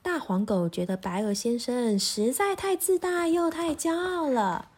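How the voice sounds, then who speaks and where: A woman teacher reading a children's story aloud in a gentle, clearly paced way. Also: high-pitched, measured pace.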